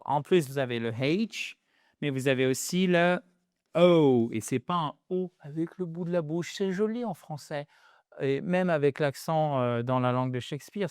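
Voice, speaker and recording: In a lively video lesson, a native French speaker teaches English to French speakers, calling his viewers dear friends and repeating English phrases slowly. His mid-range voice is captured in a dry, studio-quality recording.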